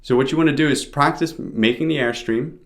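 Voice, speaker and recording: A man's voice: mid-range voice, fairly quick. A man giving an informal pronunciation lesson, explaining sounds step by step as a teacher.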